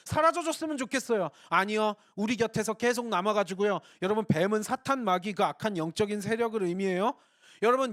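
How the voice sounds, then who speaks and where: Fast-talking high-voiced male pastor. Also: no echo, clean studio sound. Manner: earnest, rhetorical questions to the congregation. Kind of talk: sermon.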